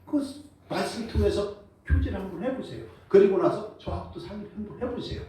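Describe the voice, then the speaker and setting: A man preaching as pastor, lively and joking, calling for responses from the congregation. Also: high voice, fairly quick. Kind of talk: sermon. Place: church sanctuary. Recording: echoey church hall, voice from far off.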